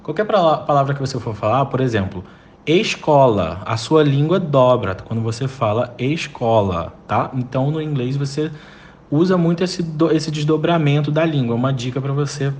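A man teaching a list of English vocabulary words, saying each word slowly and repeating it for practice. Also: medium pitch, expressive, a little mellow, a little hiss or hum. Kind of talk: vocabulary lesson.

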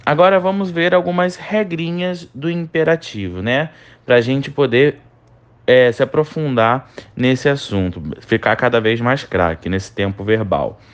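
A man teaches English in a recorded lesson, at a middle pitch. He explains grammar patiently, checks in with the listener constantly, and slows right down to sound out each English example with stress. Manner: explanatory, models English phrases slowly and emphatically; frequent tag questions like né and tá.

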